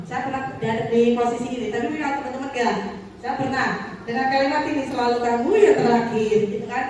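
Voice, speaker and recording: A woman's voice: high voice, fairly even intonation, very fast. A woman teacher giving a casual workshop presentation to colleagues in a chatty way, often acting out phrases a teacher might say. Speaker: teacher leading a staff workshop. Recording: echoey room, distant mic, faint noise.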